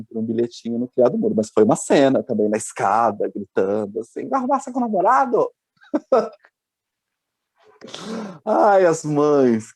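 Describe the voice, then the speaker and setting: A man's voice: lowish voice, dark tone, dry recording. A male host, telling stories in casual chat and often restarting his sentences. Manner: chatty, hesitant restarts. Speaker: podcast host.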